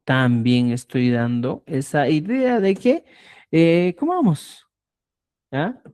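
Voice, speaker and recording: Teaching Quechua online, this instructor speaks slowly and deliberately in an animated, darkish voice with expressive pitch swings. Simple everyday examples illustrate each point, and the teacher often pauses to ask "¿ya?" to make sure students are following.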